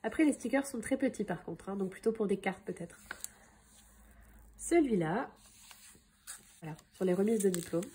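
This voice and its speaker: A woman scrapbooking vlogger chatting casually through a product haul, with frequent filler pauses. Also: medium pitch, expressive, mellow, slight background noise. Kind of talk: casual haul video narration.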